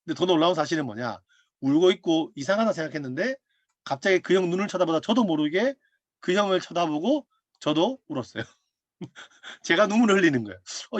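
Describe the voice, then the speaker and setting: With a slightly high voice and no room sound, a man preaches at an online prayer meeting held over video call. His sermon is a personal testimony, told with laughs while he acts out people's words.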